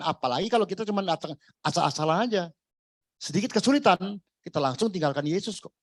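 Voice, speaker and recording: Man, pastor, animated pitch, dry close sound, chatty rhetorical questions. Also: no room sound. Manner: conversational, jokey preaching with rhetorical questions. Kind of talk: sermon. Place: church.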